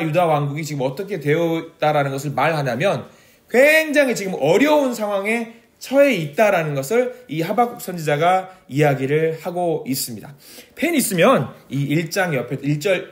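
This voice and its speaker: A male pastor preaching at a prayer meeting in a conversational way, often asking the congregation questions. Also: on the high side. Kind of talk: sermon at a Tuesday prayer meeting.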